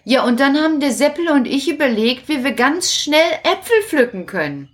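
A woman voicing a cheeky, excitable puppet jester boy in a children's story. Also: high-pitched, moderate pace, voice pushed up. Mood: excited. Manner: bright eager storytelling.

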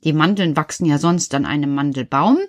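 A woman's voice: low voice, a little fast. A woman presenting for children, chatting casually and explaining plants simply. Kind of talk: casual chat.

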